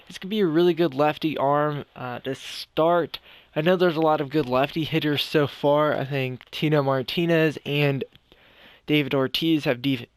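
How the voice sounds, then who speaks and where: A young man with a smooth, clear voice, sitting a little higher than most men's, chats his way through a video game for his channel. He rambles and restarts his sentences, slightly out of breath, recorded close and dry with no room sound. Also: dry recording. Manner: rambling, with frequent restarts and self-corrections. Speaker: gaming YouTuber. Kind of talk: casual game commentary.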